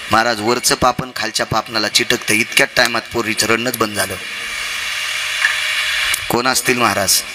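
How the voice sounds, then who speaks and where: A man preaching a devotional kirtan sermon, telling stories dramatically, dropping to hushed lows and rising to loud high calls with call-and-response questions. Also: flat delivery. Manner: sings refrain lines in drawn-out chant.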